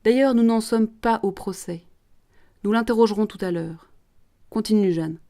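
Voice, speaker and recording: A woman voicing a stern, measured older male bishop who speaks slowly and calmly in a read-aloud play. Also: medium pitch, lightly acted. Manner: slow and measured, calming.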